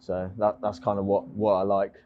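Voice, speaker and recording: A man's voice: fairly low pitch, monotone, moderate pace, highs cut off. A young man from England with a southern English accent, a guest in a casual chat who jokes about himself and often says "um" and restarts his sentences. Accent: English, from near London. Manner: joking and self-mocking, many fillers and restarts. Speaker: guest, rugby player.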